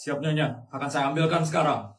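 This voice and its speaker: A man's voice: fairly high pitch, brisk, echoey room, natural voice. A man playing a polite, formal bodyguard who speaks deferentially.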